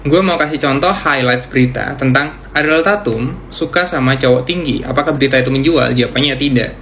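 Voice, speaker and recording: A man lays out his argument quickly and explanatorily in casual commentary. His pitch sits in the middle range. A faint noise is heard behind him. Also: fairly bright tone.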